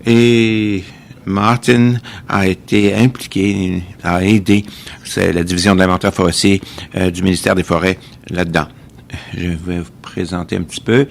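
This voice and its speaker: A man interpreting a technical talk live, in a halting way with restarts. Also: low-pitched, flat delivery, vocal fry, slight background noise. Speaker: conference interpreter.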